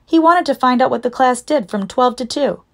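A woman narrating a children's storybook in a lively, expressive reading voice. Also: high voice, moderate pace. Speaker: audiobook narrator.

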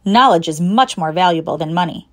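A woman voicing a quiet, patient young schoolboy in a children's storybook, often hushed and whispering. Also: on the low side, lively intonation, brisk, natural voice. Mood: earnest.

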